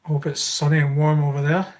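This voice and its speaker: Speaking a little fast and a little high with little pitch movement, this Scottish livestream host has a slightly mellow sound. He chats informally, wandering from point to point as he reads and responds to comments from viewers.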